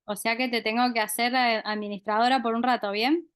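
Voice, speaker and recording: A woman's voice: a little high, steady tone, a little fast, a bit bright, clear, resonant tone, dry recording, clean studio sound. A woman on a video call speaking briefly and matter-of-factly while arranging screen sharing.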